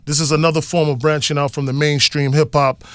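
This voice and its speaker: A man from New York hosting a casual hip hop radio interview in his studio, hyped and quick to affirm his guest. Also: a little high, little pitch movement, clean tone, no echo. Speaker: radio host.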